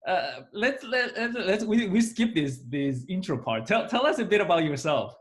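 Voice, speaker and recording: A man's voice: sits high, big pitch swings, moderate pace. A man hosting a webinar interview, friendly and encouraging, tripping over his words as he asks his questions. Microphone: video call.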